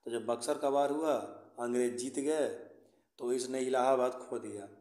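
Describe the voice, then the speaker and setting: A man's voice: medium pitch, steady tone, normal speed, a little mellow. Hindi-speaking male history teacher, echoey room. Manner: repeats "theek hai", mixes English words. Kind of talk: explanatory lesson.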